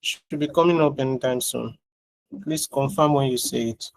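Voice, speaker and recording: A man's voice: mid-range voice, moderate pace, gravelly, no room sound, low-quality recording. A man teaching a class over a video call, chatting casually and often restarting or repeating his words. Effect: heard over a video call. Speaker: tutor. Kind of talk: online class, casual chat before teaching.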